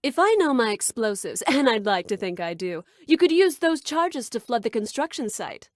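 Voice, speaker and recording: A woman's voice: on the high side, very animated, normal speed, no room sound, clean studio sound. A woman voicing a flirtatious, brash bar owner in a video game, speaking in a sultry, suggestive purr. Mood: flirty. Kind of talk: video game character dialogue.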